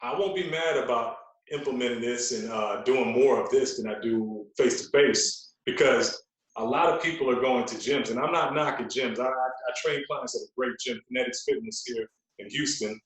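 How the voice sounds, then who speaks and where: Speaking from a distance in a very echoey room, this man, a fitness trainer guesting on a podcast, keeps the interview conversational. He makes his points with emphasis and says key phrases more than once. His pitch is medium and his pace moderate.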